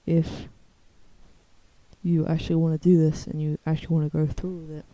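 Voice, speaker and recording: A woman's voice: little pitch movement, moderate pace, mellow, dry recording. A young woman in a casual, blunt, slangy ramble, her speech slightly lisped by the dental retainers she is wearing. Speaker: video creator. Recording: low-quality muffled microphone.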